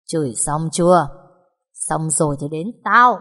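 Woman voicing a cruel female ghost, slow cold taunts, low voice, horror audiobook. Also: pushed and bright, big-room sound. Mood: cold taunting.

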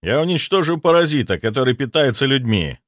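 A man voicing a cold, sardonic male necromancer who speaks in a measured, mocking way. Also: medium pitch, very animated, no room sound, studio quality, close to an everyday voice.

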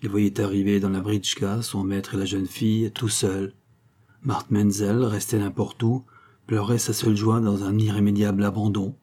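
A man narrating a classic novel in a measured, even audiobook reading. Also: on the low side, breathy edge. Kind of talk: scripted narration.

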